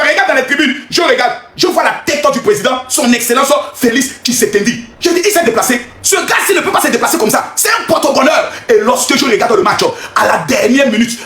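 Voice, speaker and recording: A man with a very high, bright voice bursts through an echoey room. He shouts, laughs and drifts into sing-song preaching as he hosts a live reaction stream. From Cameroon. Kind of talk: excited livestream reaction.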